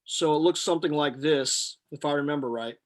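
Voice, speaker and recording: A man with a somewhat high-pitched voice teaches a class. He works through problems step by step, thinking aloud with halting pauses. His delivery is flat and matter-of-fact. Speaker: chemistry lecturer. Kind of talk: lecture, working problems step by step.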